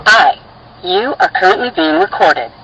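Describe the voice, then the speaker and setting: A woman giving a short flat warning through a doorbell camera speaker. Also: on the low side, normal speed, muffled recording, slight background noise.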